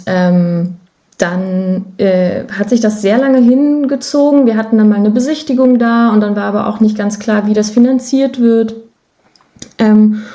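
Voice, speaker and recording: Chatting informally as a guest on a relaxed podcast, this female musician-songwriter shares stories. She speaks on the high side, yet her tone is dark.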